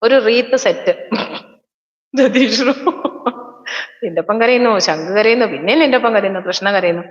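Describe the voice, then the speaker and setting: A woman hosting a casual livestream, chatting and teasing as she reads viewer comments. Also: medium pitch. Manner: chatty and teasing, quick bursts of speech. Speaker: singer and livestream host. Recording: echoey, reverberant room, slightly dull sound.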